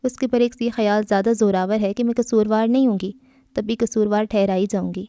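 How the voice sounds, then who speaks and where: Female reader voicing a withdrawn, melancholy young woman; soft mellow tone, dry. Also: mid-range voice, steady tone, dry recording, lightly acted. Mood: sad. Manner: quiet, melancholy.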